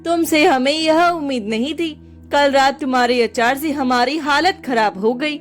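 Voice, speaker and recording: A woman's voice: high voice, moderate pace, soft background music, close to an everyday voice. A woman voicing angry villagers who scold and accuse.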